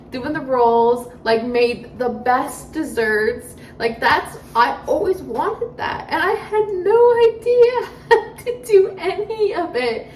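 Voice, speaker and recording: A fairly high-voiced woman chats to her viewers about daily life, talkative and openly dramatic, breaking into laughter often. She is a stay-at-home mom filming in her home kitchen. The sound is roomy and echoey, with her voice picked up from a few feet off the mic. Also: far from the mic. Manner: chatty, self-described dramatic, laughs often. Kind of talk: casual chat to camera. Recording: echoey room, voice off-mic, faint background noise.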